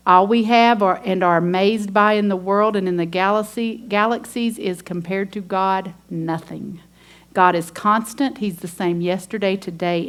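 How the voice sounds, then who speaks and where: A woman teaching a women's ministry sermon, earnest and emphatic, reading scripture aloud. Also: mid-range voice.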